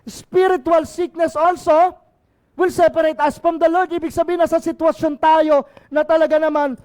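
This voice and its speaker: A man's voice: very high voice, level tone, normal speed, a little mellow. A male pastor from the Philippines with a Filipino accent, preaching an impassioned sermon and often asking the congregation for an amen.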